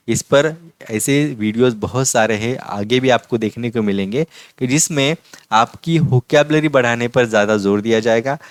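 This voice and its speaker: A man teaching a vocabulary lesson, patiently repeating each word slowly. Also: mid-range voice, no room sound. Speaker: language teacher.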